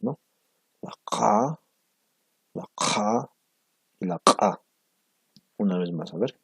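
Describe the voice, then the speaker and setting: A man gives a slide lecture in a very low, slightly husky voice. He speaks slowly, repeating sounds and often tagging phrases with a question. The recording is dry, with no room echo. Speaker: language teacher.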